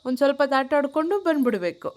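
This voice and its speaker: A woman records a relaxed home vlog, speaking softly and gently. Her voice sits a little high, with a patient, coaxing way of talking, as a mother would with her child. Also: rapid-fire. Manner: gentle, coaxing, soft-spoken. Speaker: vlogger and mother.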